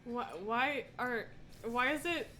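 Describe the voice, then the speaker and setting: A woman hosting a gameplay livestream takes her time, her slightly high voice carrying a sharp tone over a bit of background noise. Her talk is informal and wandering: she thinks out loud, switches topics abruptly and mocks herself.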